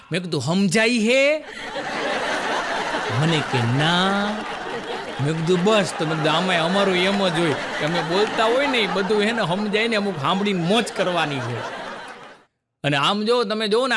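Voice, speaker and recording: On stage before a live audience, a man performs Gujarati folk comedy, telling folksy jokes and acting out the dialogue within his stories. His voice sits high, and there is background noise picked up by the stage microphone.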